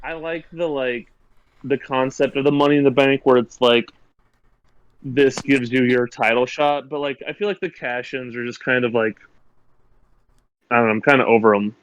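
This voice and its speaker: A man's voice: mid-range voice, fairly even intonation, normal speed, pauses often, clean tone, no echo. A man co-hosting a casual wrestling recap podcast, rambling with lots of "like" fillers and blunt opinions. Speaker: podcast co-host. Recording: slightly muffled dry recording.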